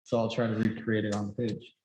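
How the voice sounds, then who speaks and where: A man's voice: fairly low pitch, flat delivery, quick pace, darkish tone, slight background noise. A man speaking through a face mask, casually thinking aloud as he teaches drawing in a rambling, chatty way. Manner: rambling, chatty, frequent "like" filler. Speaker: drawing instructor. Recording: echoey, roomy sound.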